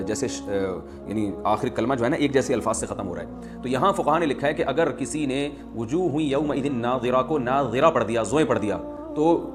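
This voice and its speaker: Man explaining a religious ruling over music. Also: medium pitch. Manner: explanatory, measured, with many "aa" fillers. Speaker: Islamic scholar answering questions. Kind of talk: religious question-and-answer talk. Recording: music playing under the voice.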